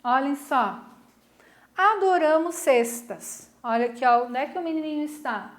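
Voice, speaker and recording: A middle-aged woman teacher with a high voice speaks fairly quickly in a roomy-sounding space. In this recorded online class she is lively and warm, asking lots of questions and often checking in with students using "né?" tags.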